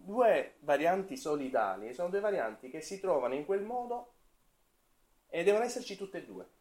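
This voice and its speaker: A man's voice: mid-range voice, a little mellow. Hesitant Italian man giving an academic talk. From Italy. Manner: thinking aloud, hesitant with fillers and self-corrections. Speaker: seminar presenter.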